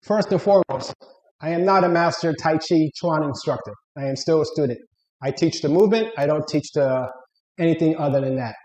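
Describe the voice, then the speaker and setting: A man's voice: fairly high pitch, brisk, darkish tone. A man coaching an exercise, giving plain-spoken step-by-step instructional cues. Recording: echoey room.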